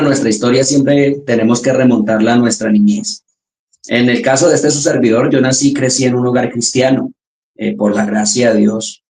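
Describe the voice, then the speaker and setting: A young Colombian man, a church chaplain with a Colombian accent, earnestly gives his testimony in an interview, restarting often. His mid-range voice is a little mellow, and the room has a roomy echo.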